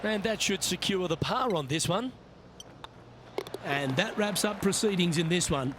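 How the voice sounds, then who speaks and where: A man playing a golf commentator in a video game, with measured sports broadcast delivery. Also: high-pitched, lively intonation, background noise. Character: composed male TV golf play-by-play commentator.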